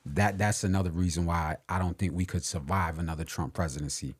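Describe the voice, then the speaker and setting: A man's voice: sits low, fairly even intonation, brisk, slightly rough. A man co-hosting a podcast, speaking in an opinionated, emphatic way and repeating his points for weight in casual conversation. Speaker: podcast co-host. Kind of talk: casual political and hip hop chat.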